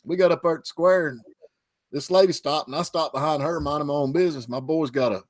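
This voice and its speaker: A man's voice: on the high side, fast talker, no room sound, studio quality. Folksy man telling stories. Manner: folksy, drawling storyteller. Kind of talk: casual storytelling chat.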